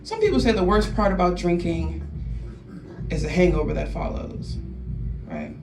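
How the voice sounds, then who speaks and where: On a comedy club stage, a twenty-something New Orleans comedian delivers her set at normal speed in a very animated, low-leaning voice, ending jokes with "right?" and laughing at her punchlines. The recording is echoey and noisy from a distant mic, with music in the background.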